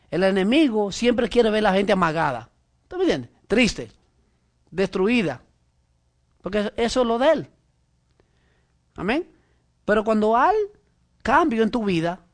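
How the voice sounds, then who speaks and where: A man preaching a conversational sermon, often asking his listeners if they follow and adding amen. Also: sits high. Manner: frequent "¿verdad?" and "amén" asides, addresses listener directly.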